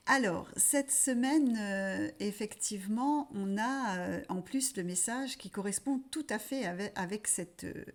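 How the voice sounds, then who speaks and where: A woman hosting a weekly spiritual message, talking gently and haltingly, with many fillers and restarts. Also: mid-range voice. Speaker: spiritual channel host.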